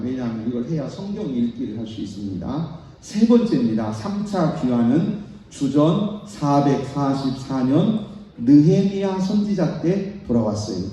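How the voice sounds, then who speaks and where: A middle-aged man, a pastor, teaching a Bible lesson in a sermon, reading out lists slowly and with emphasis, recorded in a church. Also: on the high side, warm tone, slight background noise. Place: church sanctuary. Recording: very echoey hall, voice from a distance.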